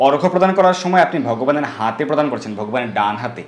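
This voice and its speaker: Fast-talking man in an echoey room. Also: medium pitch. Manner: steady step-by-step explaining, slowing to chant mantras. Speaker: devotional teacher. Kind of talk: ritual instruction.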